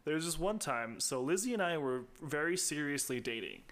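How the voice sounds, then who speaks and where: A man's voice: fairly high pitch, fairly quick. Laid-back man telling work stories. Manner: relaxed, laughs often, mimics people. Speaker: podcast guest. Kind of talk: casual storytelling chat.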